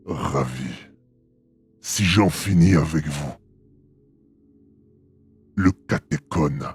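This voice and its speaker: A man voicing a menacing demonic spirit in a deep, gravelly, echoing underworld voice, slow and ominous, for a tabletop game. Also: full character voice. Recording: echo effect, music underneath.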